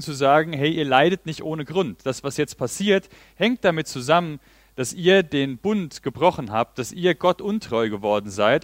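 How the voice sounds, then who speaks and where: A man's voice: a little high, no echo. A man preaching a sermon in an earnest way, retelling a Bible story and reading passages aloud.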